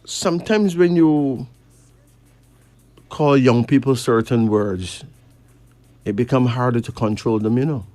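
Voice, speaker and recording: A man's voice: mid-range voice, a little slow, pauses often, darkish tone, no room sound, faint music behind. A man from Barbados, chatting and reading cards, emphatic with rising questions. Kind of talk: casual chat and card reading.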